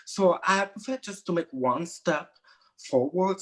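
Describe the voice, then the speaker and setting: A man's voice: high-pitched, a little slow, fairly bright tone, poor audio. Hesitant man from Cameroon, author guest. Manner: hesitant, many fillers and restarts, laughs easily. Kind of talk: conversational interview answers.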